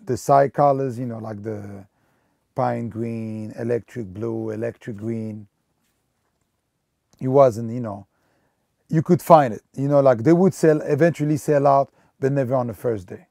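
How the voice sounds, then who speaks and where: Speaking a little slowly, this man has a mellow, medium-pitched voice with vocal fry, captured in a clean studio with no room sound. He's a Belgian sneaker store manager in his thirties, chatting casually in a documentary interview and rambling with many fillers and fresh starts.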